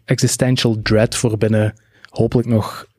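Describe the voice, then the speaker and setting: A man's voice: lowish voice, little pitch movement, normal speed, a little mellow, no room sound, studio quality. Joking podcast man. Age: 30s. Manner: joking, mixes in English phrases. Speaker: podcast co-host. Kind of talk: casual chat.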